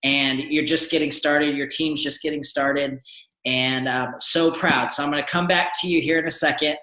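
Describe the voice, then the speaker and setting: A man's voice: a little high, steady tone, normal speed, sharp tone, roomy sound, rough recording. A man hosting a live video panel, encouraging and rambling, with frequent restarts. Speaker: host.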